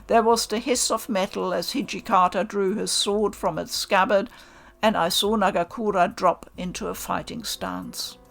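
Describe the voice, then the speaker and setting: A woman calmly reading a visual novel aloud in the first person. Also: medium pitch, moderate pace, vocal fry. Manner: calm, first-person storytelling. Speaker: narrator.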